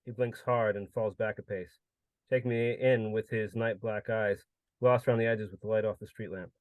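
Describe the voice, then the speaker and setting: A man giving a measured, solemn reading of his own literary prose. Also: lowish voice, steady tone, dry recording. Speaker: contributor reading his story.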